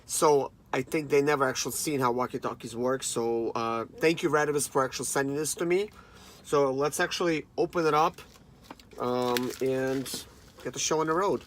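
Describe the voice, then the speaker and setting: A thirty-something man chats informally to camera while unboxing a product, calling his viewers "guys" in a conversational way. He talks at normal speed in a mid-range voice, with a little hiss or hum audible.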